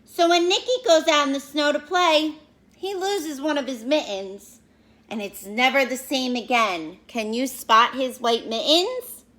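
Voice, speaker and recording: A woman's high-pitched voice reads a picture book to little ones. She is expressive and teacherly, stopping at points to explain and check in with questions.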